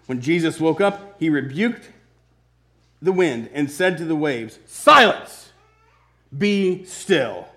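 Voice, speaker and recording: A man preaching a sermon, swinging between loud, emphatic bursts and hushed, slow, earnest lines. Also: a little high, lively intonation.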